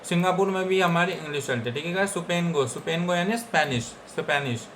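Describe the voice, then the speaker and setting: A man's voice: fairly high pitch, brisk, a bit bright, a little hiss or hum. A young man from India teaching Japanese vocabulary in a casual Hindi lesson, repeating each word several times and checking in with "theek hai guys".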